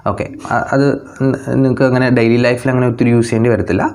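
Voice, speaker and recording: A man teaching young children English online, speaking English with a Malayali accent, reading English lines slowly and explaining them in quick Malayalam, and asking questions that he answers himself. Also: medium pitch, fairly even intonation, darkish tone.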